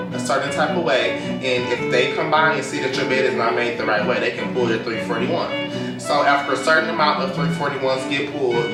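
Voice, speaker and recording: An echoey, slightly distant recording of a man with a mid-pitched voice, music playing clearly behind him. He talks casually and candidly, explaining things informally like a storytime vlogger. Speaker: storytelling vlogger, former Air Force member. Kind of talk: casual direct-to-camera storytime talk. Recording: roomy echo, distant mic, music behind. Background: clear background music.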